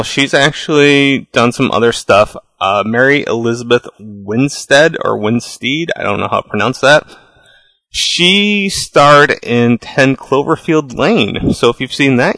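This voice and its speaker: A man's voice: medium pitch, fairly bright tone, no echo, rough recording. A man casually reviewing horror sequels, opinionated and rambling, with many fillers and restarts. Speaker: movie reviewer. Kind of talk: casual spoken film review.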